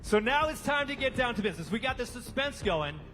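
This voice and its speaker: A man hosting a live prize drawing as a booming announcer, rallying the crowd. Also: big pitch swings, brisk, a bit bright. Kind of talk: live event hype announcing. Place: large event venue with live audience. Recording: long hall reverb, music behind.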